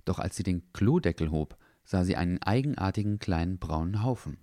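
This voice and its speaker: A man narrating a children's story in a calm, even way. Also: low-pitched, a little fast, no echo, clean studio sound.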